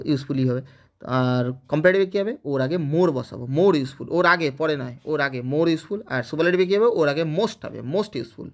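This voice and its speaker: A man's voice: a little high, a little mellow. A man teaching English grammar in Bengali with a West Bengal accent, explaining step by step and checking in with students. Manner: explains step by step with frequent "okay?" check-ins. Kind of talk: spoken grammar lesson.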